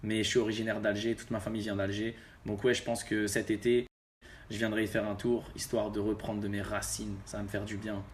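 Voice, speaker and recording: Laid-back young rapper, low voice. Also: male voice, little pitch movement, a little fast. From Algeria. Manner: laid-back, street slang, addresses viewers directly. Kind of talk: casual talk to fans.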